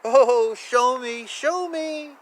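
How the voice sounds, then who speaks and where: Reading a picture book outside to young children, a man speaks in an extremely high pitch and extremely slowly. He stays playful and chatty, stretching words, exclaiming, and adding asides while faint outdoor noise carries in the background.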